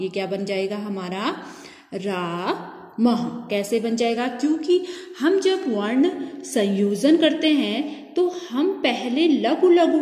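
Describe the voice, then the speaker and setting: Woman teacher, fairly high voice, unhurried classroom delivery, recorded in a room with long reverb. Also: darkish tone. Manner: asks questions and answers them herself, slow and drawn out. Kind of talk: classroom grammar lesson.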